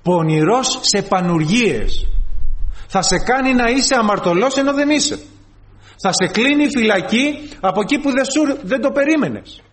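Man preaching a sermon, high voice, tells the story and does all the voices. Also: animated, a bit bright. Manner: storytelling, acts out quoted voices, addresses listeners as brothers.

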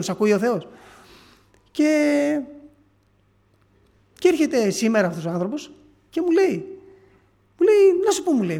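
A man with a high voice preaches, relating an encounter in an earnest, halting manner. He restarts phrases often as he tells the story. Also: darkish tone. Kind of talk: sermon testimony.

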